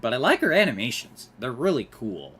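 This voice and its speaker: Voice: medium pitch, very animated, fairly quick, a bit bright, slight background noise. A gamer giving casual commentary over gameplay and muttering while playing.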